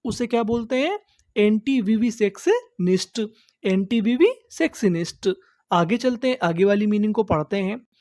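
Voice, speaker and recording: A woman's voice: a little high, darkish tone, dry recording. A woman teaching English vocabulary, spelling each word letter by letter and asking and answering her own questions. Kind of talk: slow spelled-out vocabulary lesson.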